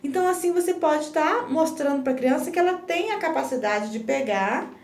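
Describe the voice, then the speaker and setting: A woman explains parenting in a casual, earnest live-stream talk, often backing up to restart a phrase. Her voice sits a little high. The phone sits back from her in a roomy, echoing space. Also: lively intonation, normal speed, a little mellow, far from the mic. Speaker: parenting educator. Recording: roomy echo, phone held back from the speaker.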